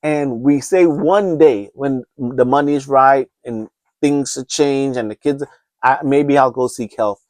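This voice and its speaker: A man from Trinidad and Tobago in his fifties speaks unhurriedly in a darkish, mid-range voice, with no echo. Hosting his solo podcast without a script, he rambles earnestly, restarts frequently and makes urgent, preacher-like pleas.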